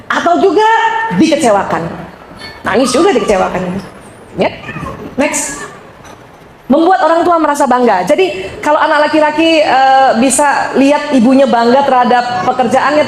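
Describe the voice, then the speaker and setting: Lively high-voiced woman lecturing a hall. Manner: animated, joking, addresses the audience as Bu. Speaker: seminar speaker. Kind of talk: lively seminar talk. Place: large hall with audience. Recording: roomy hall sound with faint noise.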